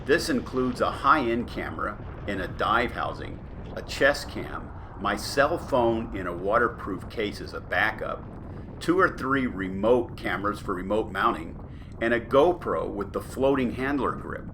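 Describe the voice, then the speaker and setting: Man, lowish voice, scripted review narration, journalist delivery, clear background noise. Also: lively intonation, unhurried. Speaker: extreme weather journalist, reviewer.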